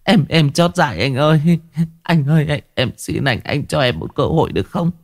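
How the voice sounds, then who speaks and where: A man's voice: sits high, expressive, a little slow, no room sound, clean studio sound, pitched above the performer's own voice, full character voice. A man voicing a pleading young woman, an unfaithful wife who stammers and sobs as she begs. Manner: stammering, begging. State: sobbing.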